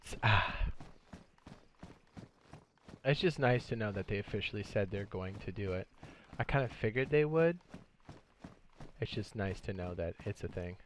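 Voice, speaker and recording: With a slightly low voice at normal speed, a man streams a game and talks through his thoughts in a relaxed, chatty manner, sometimes leaving long pauses. This casual live gameplay commentary carries a bit of hiss or hum.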